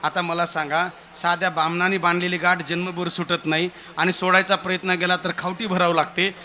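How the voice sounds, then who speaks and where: A man's voice: high-pitched, little pitch movement, a little fast, bright, forceful tone, slight background noise. A male kirtan preacher telling a humorous devotional story, who keeps addressing and quizzing his listeners. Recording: live event with instrumental music.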